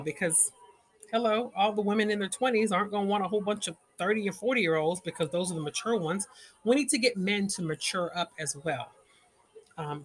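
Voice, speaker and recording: A woman's voice: mid-range voice, fairly bright tone, husky. A woman hosting her own podcast, talking casually and animatedly, laughing often. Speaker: podcast host. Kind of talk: casual solo podcast chat.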